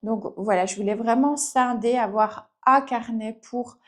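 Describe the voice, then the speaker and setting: French woman vlogger, fairly high voice, rambling friendly chat with fillers. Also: a little slow. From France. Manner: chatty, many fillers, laughs at herself. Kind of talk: casual vlog chat.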